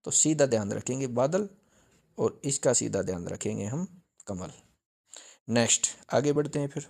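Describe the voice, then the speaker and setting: A man's voice: medium pitch, expressive, normal speed, creaky, darkish tone. A male teacher giving an exam-prep grammar lesson, repeating each point and asking questions that he answers himself. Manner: repetitive, drilling with question-and-answer.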